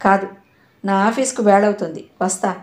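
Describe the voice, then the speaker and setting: A woman's voice: mid-range voice, steady tone, moderate pace, a little mellow, natural voice. A woman reading an indignant young working woman. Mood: annoyed. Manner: curt and indignant. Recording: roomy echo.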